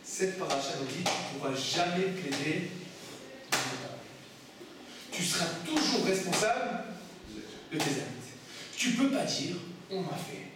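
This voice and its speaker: A rabbi teaches a class of students, pressing them with emphatic questions. His voice sits high for a man. The room echoes heavily and he is recorded from a distance. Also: lively intonation, unhurried, long pauses. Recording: echoey room, from far off, faint noise.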